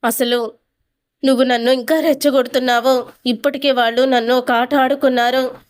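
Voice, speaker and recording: Hot-tempered young woman, fast retorts, voiced by a woman with a clear high voice. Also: flat delivery, lightly acted. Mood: angry.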